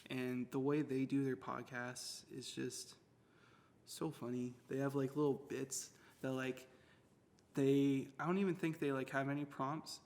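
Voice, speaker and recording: A man's voice: medium pitch, flat delivery, unhurried, a little mellow. A young man co-hosting a casual podcast with a playful, jokey manner, picked up by a shared mic in a room. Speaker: podcast co-host. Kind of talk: casual joking podcast chat. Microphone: one shared mic on a table.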